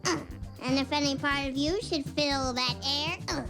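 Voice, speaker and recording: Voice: high voice, normal speed, over music. A cartoon character that stammers and hesitates, played from a show clip. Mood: boastful.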